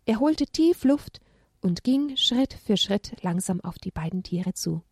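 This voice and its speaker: A woman reads a children's Bible story aloud in an even, storytelling manner. Her voice sits at a middle pitch. The recording is dry and close, with no room sound. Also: measured pace, husky, dry recording. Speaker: narrator.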